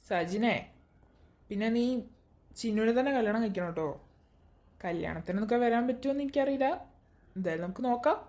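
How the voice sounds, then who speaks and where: A woman voicing a gentle, consoling young man in an animated cartoon, speaking in a soft, reassuring, affectionate way. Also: fairly high pitch, brisk, pauses often, natural voice. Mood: advising.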